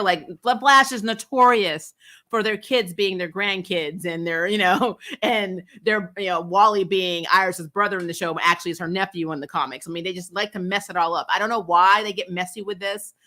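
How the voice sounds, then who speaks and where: A woman with a mid-range, sharp-toned voice hosts a fan review show covering a TV superhero series. Casual and blunt, she swears, sounds sarcastic and incredulous, and laughs often as she speaks.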